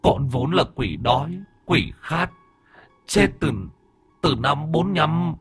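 A groveling hungry ghost from an audio ghost story, put on by a man narrator, whining its pleas in a husky, breathy voice. The words drag slowly and sit well above his usual pitch. The sound is dry and close. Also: animated, no room sound, soft background music, exaggerated voice. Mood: begging. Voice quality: husky, breathy, drawn-out wailing.

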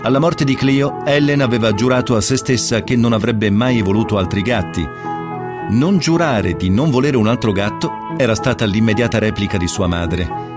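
A man's voice: on the low side, normal speed. Male radio host over music. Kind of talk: radio book-reading presentation. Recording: music playing behind.

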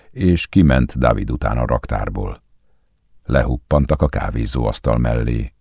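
A man reading a literary novel aloud as an audiobook in a calm, measured way. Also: very deep voice, creaky, husky, no echo, clean studio sound. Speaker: audiobook narrator. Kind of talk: scripted audiobook narration.

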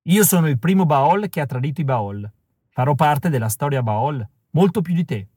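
A man's voice: a little high, expressive, moderate pace, dark tone, breathy edge, dry recording. A treacherous male villain from an audiobook, sly and mocking, voiced by a man raising his voice above his usual tone. His delivery is theatrical and sneering, and the recording is dry and close.

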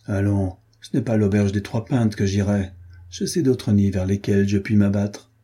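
A man's voice: lowish voice, fairly even intonation, normal speed, warm tone, breathy edge. A man reading an audiobook voices an indignant, bitter mercenary captain. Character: gruff released mercenary captain.

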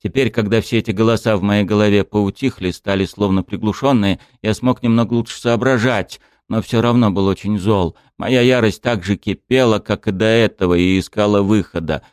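Low-voiced man narrating grimly. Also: steady tone, a little fast, few pauses, a little mellow, clear, resonant tone, dry recording, studio quality. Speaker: audiobook narrator. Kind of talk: first-person fantasy audiobook narration.

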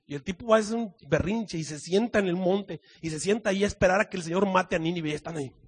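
A man with a Mexican accent preaching a sermon, telling the story in an animated, colloquial way full of slangy asides. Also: high-pitched, fast, breathy edge.

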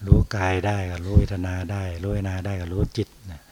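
A man, a Buddhist monk, giving an unhurried dharma talk on meditation and tagging his phrases with a soft particle. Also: on the low side, level tone, heavy background noise.

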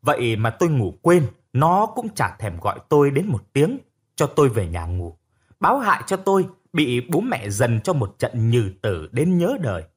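Husky man narrating a story. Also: mid-range voice, normal speed. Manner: expressive storytelling. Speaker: audiobook narrator. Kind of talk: first-person story narration.

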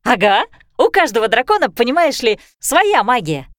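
A woman reading a storybook, voicing a chatty, excitable female dragon in a high, bubbly voice. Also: moderate pace, dry recording, clean studio sound. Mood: playful.

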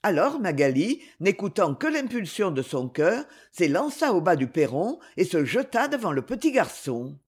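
Expressive woman narrating a novel. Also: lowish voice, breathy edge. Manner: measured, expressive reading. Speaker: audiobook narrator. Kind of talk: scripted narration.

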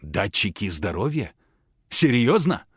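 A man's voice: very animated, a little slow, slightly rough, no room sound, studio quality, full character voice. A man voicing an edgy, agitated young man. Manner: edgy, high-strung.

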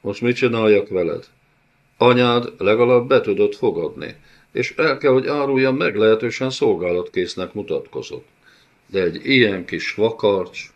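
In this audiobook character voice, a man plays a massive, cruel beast-warlord who taunts in a sneering, mock-tender way, gloating with cruelty. His fairly low voice is pushed up and lightly acted, and the sound is lo-fi.

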